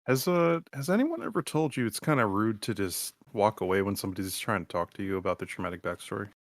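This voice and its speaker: A man playing a tabletop role-play game, joking in a deadpan way with hesitant fillers. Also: lowish voice, fast, no echo, clean studio sound. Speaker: player.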